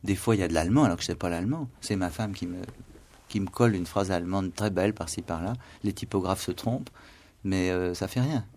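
A male writer giving a radio interview, hesitant, full of fillers and stammered restarts, sometimes dropping to soft asides. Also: sits low, fast talker. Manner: trails off to soft, near-whispered asides. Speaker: writer and translator being interviewed. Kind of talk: radio interview, musing and literary. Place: radio studio.

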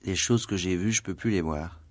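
A writer and translator with a low voice talks briskly during a radio studio interview of a musing, literary kind. Hesitant and full of fillers and stammered restarts, he sometimes sinks into soft, almost whispered asides.

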